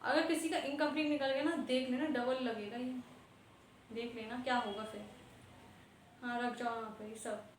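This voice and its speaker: High-voiced stern woman teacher. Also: fairly even intonation, moderate pace, long pauses. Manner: stern, scolding, mixes English words. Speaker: schoolteacher. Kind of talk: scolding a class. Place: school classroom. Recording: echoey classroom, faint background noise.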